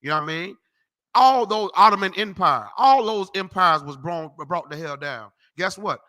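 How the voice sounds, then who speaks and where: Brash high-pitched preacher man. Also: lively intonation, normal speed, sharp tone. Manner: brash, profane, mocking, tells people off. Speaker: street preacher teaching a class. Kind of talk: loud street-corner Bible teaching.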